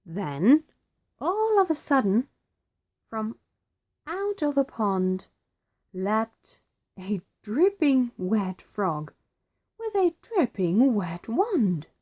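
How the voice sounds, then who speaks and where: A woman reading a children's picture book aloud, with expressive, dramatic pauses. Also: fairly high pitch. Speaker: storybook reader.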